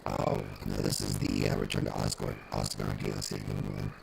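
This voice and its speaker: A man's voice: a bass voice, level tone, fairly quick, vocal fry. Robotic metallic-sounding male streamer. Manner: chatty, thinking aloud with fillers. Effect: glitchy robotic metallic distortion. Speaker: game streamer. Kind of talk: casual live gameplay commentary. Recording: noisy, distorted stream audio.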